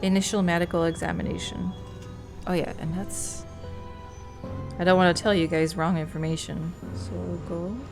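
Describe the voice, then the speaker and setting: A woman's voice: fairly low pitch, flat delivery, normal speed, creaky, music in the background. A woman streamer chatting casually through a game, reacting with gleeful exclamations. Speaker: streamer playing a visual novel. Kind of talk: let's-play commentary.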